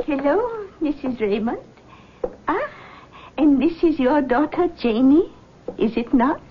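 A woman playing a mysterious, commanding seance medium in a scripted drama, speaking slowly and gravely with portentous pauses. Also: sits high, lively intonation, dull audio. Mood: formal, commanding.

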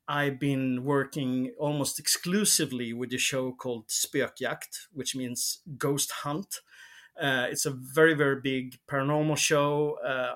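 A middle-aged Swedish man, a native speaker with a Swedish accent, appears as a podcast guest; he works as a television producer and researcher. His mid-range voice is a touch bright, and he talks casually, often repeating words while hunting for the right phrase.

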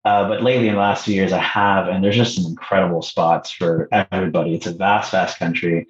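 A man's voice: deep voice, steady tone, a little fast. A Canadian man who is a podcast guest, talking in a hesitant, thoughtful way with many ums. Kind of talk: casual interview chat. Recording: echoey muffled remote audio.

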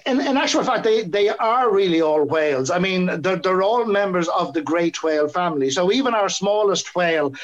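A man's voice: high voice, animated, moderate pace, hardly any pauses, lo-fi sound. An Irish man, a guest expert, explaining things conversationally in an interview, often repeating words as he finds his phrasing. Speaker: guest expert on whales and dolphins.

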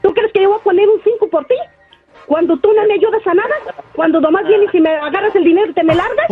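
A middle-aged woman, scolding her son over the phone, indignant and rapid-fire. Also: very high voice, music in the background. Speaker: caller's mother on phone. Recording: tinny phone line.

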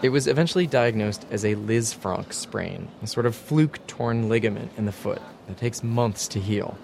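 A man's voice: fairly low pitch, moderate pace, gravelly, background noise. A man in his forties narrating a reported documentary podcast in a dry, wry storytelling manner.

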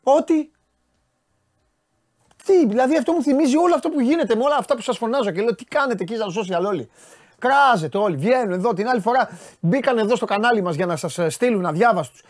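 A man's voice: extremely high pitch, animated, dry recording, clean studio sound. A man with a Greek accent hosting a sports talk show, casually and exasperatedly scolding his viewers with rhetorical questions. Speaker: sports commentator host.

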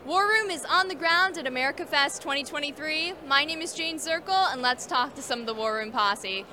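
Woman field reporter, high bright voice, upbeat questions, outdoor convention, light background noise. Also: fairly quick. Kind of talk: street interviews.

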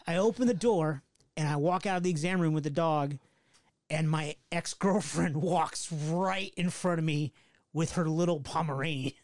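A man co-hosting a podcast, telling a story in a casual, animated way, swearing freely and acting out his own panic. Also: fairly high pitch, moderate pace, no room sound, clean studio sound. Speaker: podcast co-host.

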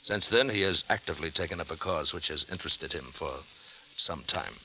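Smooth killer in an old radio play, really deep voice but sharp and bright, formal, menacing. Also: male voice, a little fast, slight background noise, exaggerated voice, poor audio. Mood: coolly menacing. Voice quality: formal, mannered diction. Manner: silky and menacing. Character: suave cold-blooded male hired killer. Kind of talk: 1950s radio drama acting.

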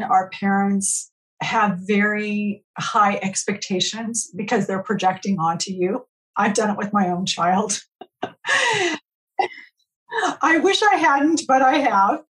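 The audio is poor as a middle-aged California woman, guesting on a podcast, tells reflective stories about her own life with earnest reflection. She speaks slowly in a mid-range, animated voice with a fairly bright tone.

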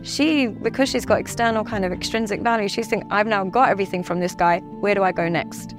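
A woman's voice: medium pitch, steady tone, fast. Woman, podcast guest, assured advice, acted-out quotes, music underneath. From Dubai. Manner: assured, explanatory, acts out quoted thoughts. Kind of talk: relationship advice in interview.

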